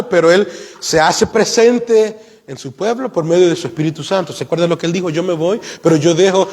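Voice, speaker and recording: A man's voice: high voice, a little mellow. A man preaching an expository sermon. He is emphatic, rises for key points and puts rhetorical questions to the congregation. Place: church sanctuary. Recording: long hall reverb.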